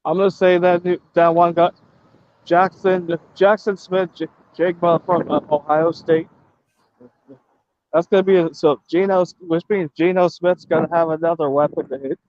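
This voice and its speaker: A man talking casually on a video call as a guest, halting and restarting his sentences. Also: fairly high pitch, fairly even intonation, a little hiss or hum. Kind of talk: casual chat. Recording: dull, dry call audio.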